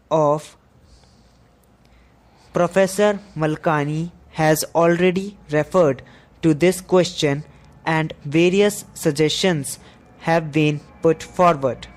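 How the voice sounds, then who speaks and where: A man reading a scripted dictation for shorthand practice, in a deliberate, measured way with pauses between phrases. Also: a little high, darkish tone.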